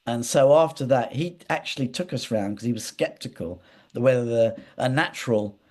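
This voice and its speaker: This man, a guest in a conversational interview, has a slightly mellow voice of medium pitch and talks at a moderate pace. He meanders through anecdotes, hesitating, drifting off topic, and repeating words.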